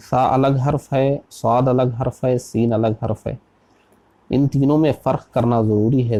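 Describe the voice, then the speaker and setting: Speaking at medium pitch with a warm tone, a male Islamic scholar from India teaches Quran recitation slowly and deliberately, sounding out each letter individually.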